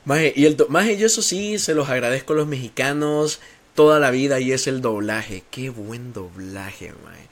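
A man's voice: mid-range voice, normal speed. A man co-hosting a podcast in casual, laid-back chat, slangy and enthusiastic. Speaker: podcast co-host.

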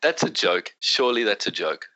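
Deep, bright man scoffing. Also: big pitch swings, no room sound, highs cut off. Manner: quick to disbelieve, says nah and no way. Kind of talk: casual chat among friends.

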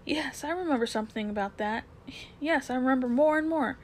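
A woman voicing a thoughtful talking cab horse who speaks slowly and a little higher than her own voice. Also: slight background noise, natural voice. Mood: musing. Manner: slow and thoughtful. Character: slow, thoughtful old cab horse, muddled memory.

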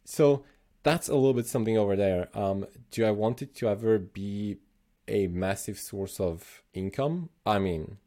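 Man from Slovenia, low mellow voice. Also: moderate pace. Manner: thoughtful, many restarts and self-corrections. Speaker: podcast host. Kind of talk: casual podcast chat.

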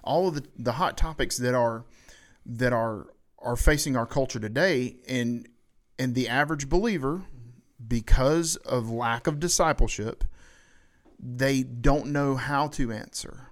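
A man's voice: medium pitch, measured pace. A man with a slight Southern accent hosting a casual podcast conversation and guiding the discussion. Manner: conversational, frequent affirming backchannels. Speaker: podcast host.

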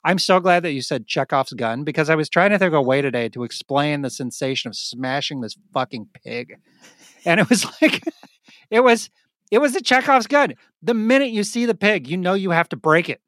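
A married man co-hosting a podcast, talking in casual chat. He gets excitable, swears freely and laughs often. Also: a little high, moderate pace, dry recording, clean studio sound. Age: adult, married. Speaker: podcast co-host.

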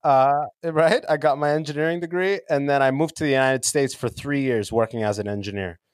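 A man's voice: medium pitch, a little fast, clean tone, no echo, clean studio sound. A man from Sudan in his thirties, a comedian guest chatting casually on a podcast from his basement, joking and laughing between lines. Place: home basement.

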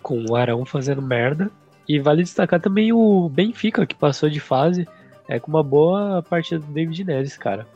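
A man's voice: a little high, animated, moderate pace, mellow, slightly rough, dull audio, faint music behind. A Brazilian man co-hosting a podcast in casual, slangy, opinionated football chat, his duck-like voice nasal and congested from a blocked nose. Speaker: podcast co-host.

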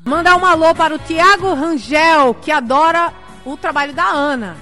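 A woman hosting a live-streamed interview, chatting lively and reading out viewer messages. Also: high voice, normal speed, faint music behind. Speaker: interview host.

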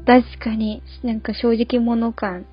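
A woman's voice: on the high side, level tone, slow pace, slightly rough, dull audio. A young adult woman co-hosting a podcast in casual chat, chatty and self-mocking with frequent giggles. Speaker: podcast co-host.

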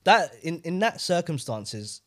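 A man's voice: fairly high pitch, sing-song, a little slow. A young man with a London roadman accent, chatting casually in slang on a podcast and checking that others follow. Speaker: podcast participant.

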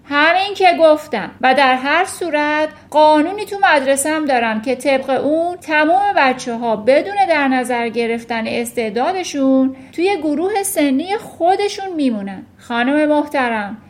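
A furious, towering headmistress who bellows and sneers at everyone, as a woman storyteller puts her on. The voice sits high and loud, pushed well above the reader's usual level. It sounds like a children's storybook read aloud. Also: animated, hardly any pauses. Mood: scornful bellowing. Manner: shouting, scornful, bellowing.

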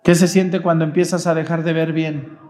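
Folksy priest preaching. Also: male voice, on the high side, level tone, normal speed, a little mellow. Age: 40s. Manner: questioning the congregation directly, folksy. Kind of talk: sermon at Mass.

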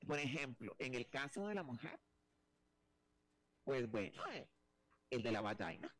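A man's voice: medium pitch, big pitch swings, measured pace, a bit bright, no echo. Flamboyant chatty male talk host. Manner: flamboyant, teasing, chatty with many restarts. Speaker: show host. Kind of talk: playful talk-show banter.

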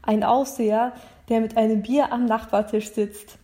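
A woman reads a novel aloud in a steady, plain narration. Her voice sits fairly high, and she now and then rereads a line to correct it. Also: moderate pace. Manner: steady reading with retakes.

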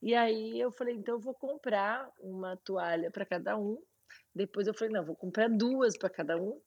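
A woman's voice: medium pitch, moderate pace, a little mellow, husky, no echo, highs cut off. A woman co-hosting a podcast, chatting in a self-amused way about a recent purchase. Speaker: podcast co-host. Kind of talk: casual chat.

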